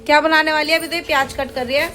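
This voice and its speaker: A woman's voice: high-pitched, fairly even intonation, rapid-fire, bright, forceful tone, faint music behind, poor audio. A woman chatting casually in a family vlog, talking to viewers and coaxing the children around her. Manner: chatty, scolds and coaxes children. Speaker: vlogger. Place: family home, indoors and rooftop.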